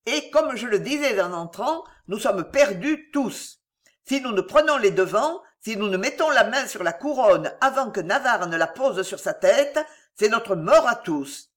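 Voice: medium pitch, lively intonation, unhurried, a bit bright. A reader voicing a proud, fierce aristocratic mother who speaks in a fiery, declamatory way. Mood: fierce, urgent.

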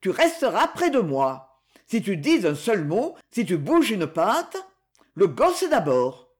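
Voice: medium pitch, wildly swooping pitch, slow pace. A reader voicing a brutal, vengeful man who makes cold threats in a hard, blunt manner, in a French audiobook. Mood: menacing. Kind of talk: audiobook character voice.

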